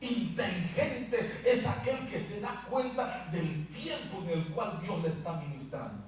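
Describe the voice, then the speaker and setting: High-voiced preaching man in echoey church. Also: sing-song, unhurried. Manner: emphatic, repetitive preaching. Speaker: pastor. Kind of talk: sermon. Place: church sanctuary. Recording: echoey hall from far off with faint music.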